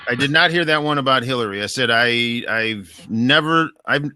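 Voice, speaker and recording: A man on a discussion panel, speaking haltingly with many uhs and restarts. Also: mid-range voice, background noise.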